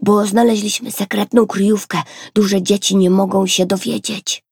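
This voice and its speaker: A woman voicing an excited little boy in a storybook reading, speaking eagerly and exclaiming. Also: mid-range voice, moderate pace, vocal fry, slightly rough, dry recording, studio quality, pitched above the performer's own voice.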